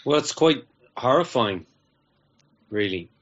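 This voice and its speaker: A man, a guest telling a story in a casual, animated way, acting out both sides of each exchange. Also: medium pitch, slow pace. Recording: muffled lo-fi audio.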